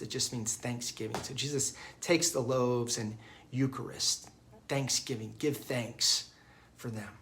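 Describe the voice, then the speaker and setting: A man's voice: medium pitch, a bit bright. A man preaching a homily on a gospel reading, talking conversationally with everyday examples and frequent asides to the listener.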